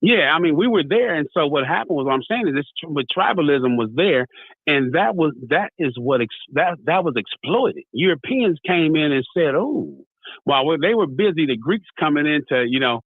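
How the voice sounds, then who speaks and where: An American radio talk host argues passionately but casually, telling stories, acting out dialogue, and repeating "you know what I mean." His husky voice sits on the high side with lively intonation at a normal pace. The dry recording has a tinny, phone-like sound.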